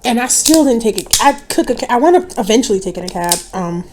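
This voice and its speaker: A woman's voice: a little high, lively intonation, quick pace, background noise. A young woman chatting casually to her viewers while she eats, rambling from one thought to the next and calling them y'all. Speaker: mukbang vlogger. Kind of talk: casual chat while eating.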